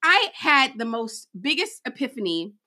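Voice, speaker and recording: A young adult woman co-hosting a casual chat about motherhood. She talks in an animated way, laughs often and calls listeners girl and honey. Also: sits high, moderate pace. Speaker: podcast co-host.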